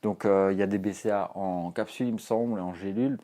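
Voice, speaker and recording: A young man talks straight to camera about fitness in a loose, rambling way. His voice sits fairly low, and he leans hard on fillers and restarts as he goes. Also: steady tone, fast, warm tone. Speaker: fitness vlogger. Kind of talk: casual advice to camera.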